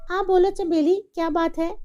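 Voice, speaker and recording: A woman's voice: extremely high pitch, steady tone, moderate pace, dull audio, over music. A woman voicing a strict, bossy rich mistress who scolds her maid in a cartoon story. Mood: calm.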